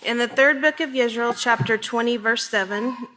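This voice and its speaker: A woman's voice: on the high side, normal speed, fairly bright tone, big-room sound, a little hiss or hum, rough recording. A middle-aged woman giving a speech to a congregation at a pulpit microphone, addressing listeners directly and personally. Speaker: religious speaker. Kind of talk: speech to a congregation with read-out quotes.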